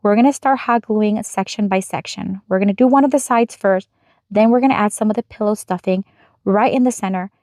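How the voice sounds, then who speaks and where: A woman's voice: medium pitch, a little fast, dark tone, no room sound, clean studio sound. A young adult woman narrating a step-by-step craft tutorial in a chatty, upbeat voice-over. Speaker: craft channel host.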